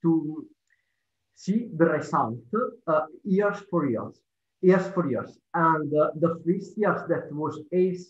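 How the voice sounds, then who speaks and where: A man with an Italian accent speaks slowly and deliberately, often halting mid-sentence to find the right English word. His voice sits a little high for a man, and it comes through an echoey room on muffled, dull video-call audio. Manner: halting, searching for words with many hesitations. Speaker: conference speaker, head of a national cleanup group. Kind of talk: presenting over a video call.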